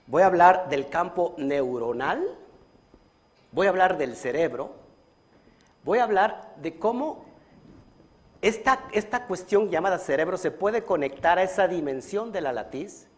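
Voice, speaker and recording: A man leading a livestreamed religious study lesson as a Kabbalah teacher, earnestly asking his audience questions and stretching out key words. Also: a little high. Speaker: Kabbalah teacher and community leader.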